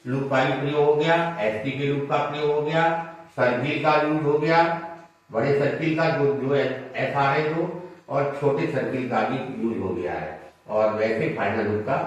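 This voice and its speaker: A man's voice: medium pitch, measured pace. A man teaching shorthand, explaining each stroke patiently and step by step. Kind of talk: classroom lesson at a board. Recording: echoey room, mic far off.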